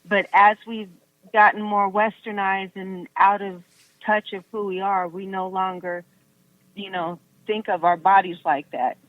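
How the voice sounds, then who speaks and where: A woman who practises massage talks in a calm, explanatory way as an interview guest, calling in on speakerphone while she drives. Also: medium pitch, unhurried, no room sound. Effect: speakerphone call from a car. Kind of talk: casual interview chat. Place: driving in a car. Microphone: phone on speaker. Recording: tinny dry phone line.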